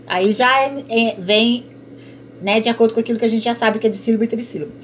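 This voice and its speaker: A woman's voice: a little high, steady tone, fast, a little hiss or hum. A woman teaching a recorded online class, patiently explaining and asking and answering her own questions.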